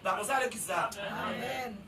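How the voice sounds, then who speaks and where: High-voiced Haitian Creole-accented preacher, distant. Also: male voice, moderate pace. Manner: swings from low murmurs to shouted exhortations. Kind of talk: sermon.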